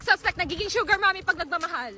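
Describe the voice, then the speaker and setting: Very high-pitched teasing woman over music. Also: fast. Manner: teasing, chanting prompts. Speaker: challenge host. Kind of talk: playful teasing challenge. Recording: music playing under voice.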